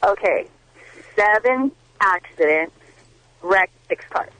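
Bright-voiced woman caller over a phone line. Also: medium pitch, animated, no echo. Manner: self-mocking, chatty, quick asides. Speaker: radio show caller. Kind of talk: casual call-in chat.

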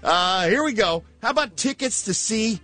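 A man working as a radio entertainment reporter, chatting casually with halting, repeated words for comic emphasis. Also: high voice, expressive, bright, forceful tone, soft background music. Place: radio studio.

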